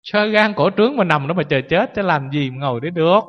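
Monk giving a sermon, lots of rhetorical questions, long hall echo, dull muffled recording. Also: male voice, a little high, fast talker. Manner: animated, questioning the audience, acts out wailing. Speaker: Buddhist monk teacher. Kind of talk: dharma sermon. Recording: echoey hall, dull lo-fi sound.

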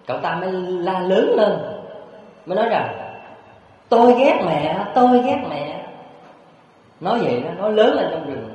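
Monk guy giving a sermon, kinda high voice, big echoey hall, muffled lo-fi. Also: slight background noise. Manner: animated, storytelling, rhetorical questions. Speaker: Buddhist monk. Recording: echoey hall, dull lo-fi sound.

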